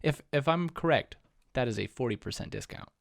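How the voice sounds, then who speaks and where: Young man, podcast co-host, goofy banter, mid pitch, dry sound. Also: expressive, brisk, vocal fry, no echo. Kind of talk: casual chat.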